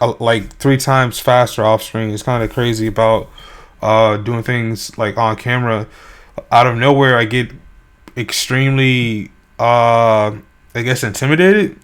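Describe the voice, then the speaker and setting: A man's voice: mid-range voice, measured pace. Sleepy rambling young man streaming. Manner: rambling, hesitant, many fillers. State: sleepy, voice a little worn. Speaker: game developer streaming his 3D modeling. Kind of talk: casual live-stream talk.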